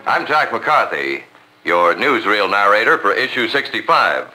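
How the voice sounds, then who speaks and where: A man's voice: on the low side, sing-song, unhurried, loud music behind the voice, rough recording. A man narrating a 1950s corporate newsreel in a polished, promotional announcer manner.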